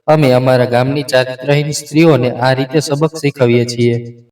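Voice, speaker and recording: A man's voice: mid-range voice, fairly even intonation, normal speed, darkish tone, natural voice. A man reading as a cruel village husband. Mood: harsh. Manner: harsh, scornful. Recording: roomy echo, distant mic.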